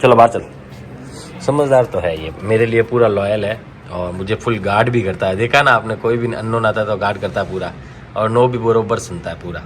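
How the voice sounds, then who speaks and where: A hoarse man working as a dog trainer who explains things calmly in a casual vlog and breaks off to call loud, sharp commands to the dogs. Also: fairly low pitch, a little fast. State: hoarse from a sore throat. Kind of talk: casual vlog narration while handling dogs. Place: outdoors at a dog hostel. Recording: noisy outdoor recording with barking dogs. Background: dogs barking.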